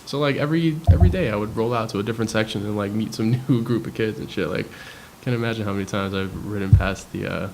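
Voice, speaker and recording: A man's voice: on the low side, fast talker, creaky, hardly any pauses, background noise. A young adult man hosting an interview, talking in a loose, enthusiastic, slangy way with casual swearing. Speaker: interviewer host.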